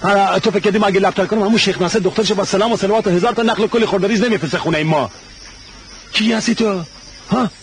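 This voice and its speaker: A man's voice: high voice, slight background noise, close to an everyday voice. An actor playing a stern, proud clansman who mocks and lectures his cousin, stammering in scorn. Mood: mocking. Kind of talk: TV drama acting.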